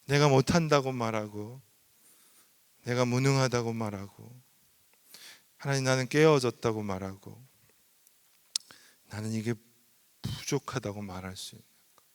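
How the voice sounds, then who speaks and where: A middle-aged man preaching a seminar sermon as pastor, dropping to whispers and rising to loud, raised passages. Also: mid-range voice, measured pace, pauses often, clear, resonant tone. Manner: dramatic swings from whispers to loud raised passages, sings hymn lines.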